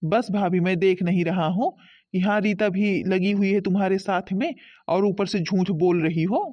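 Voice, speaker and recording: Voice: mid-range voice, steady tone, moderate pace, no echo, highs cut off, voice pushed down, close to an everyday voice. A voice actor playing a blunt, reproachful young husband and son in a cartoon.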